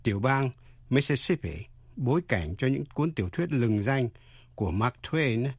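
A man teaches a radio language lesson in a dry, close voice of middling pitch. He speaks slowly and carefully, spelling out words letter by letter. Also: animated, slightly rough, no echo. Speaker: English teacher and radio host.

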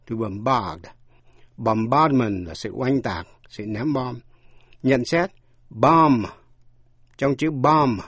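A man's voice: mid-range voice, husky, dry recording. A man teaching English vocabulary, spelling each word out letter by letter and then translating it. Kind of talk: slow spelled-out vocabulary lesson.

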